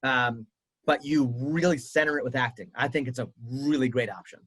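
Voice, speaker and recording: A man's voice: medium pitch, normal speed, a bit bright, husky, no echo, poor audio. A man coaching a family on college auditions over a video call, chatty and upbeat with lots of fillers. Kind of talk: casual advice on a video call.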